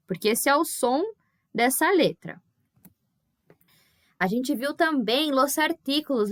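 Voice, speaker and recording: High-voiced Brazilian woman teaching, patient. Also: no echo, studio quality. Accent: Brazilian Portuguese. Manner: patient, explanatory, checks in with "tá?" and "né?". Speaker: Spanish teacher. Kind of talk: recorded review lesson for pupils.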